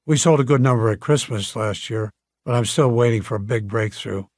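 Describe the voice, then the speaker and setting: A man's voice: medium pitch, brisk, dry recording, studio quality, natural voice. A man reading an audiobook, voicing a friendly, talkative male coffee shop owner who speaks in a plainspoken way. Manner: warm, chatty and plainspoken.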